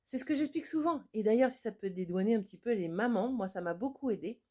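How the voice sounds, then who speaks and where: A woman's voice: on the high side, animated, fast, mellow. A woman working as an energy healer, speaking to viewers in an earnest, reflective improvised monologue. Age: adult with children.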